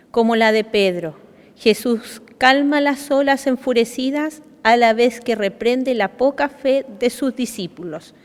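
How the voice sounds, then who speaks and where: A woman's voice: a little high, clean tone. A woman reads a scripted liturgical introduction as Mass commentator in a church. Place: large church. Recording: long church reverb.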